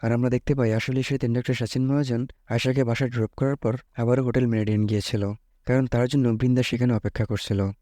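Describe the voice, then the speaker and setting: Mellow man retelling a movie plot. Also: mid-range voice, little pitch movement, fast, no echo, clean studio sound. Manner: chatty, with joking asides. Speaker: movie recap narrator.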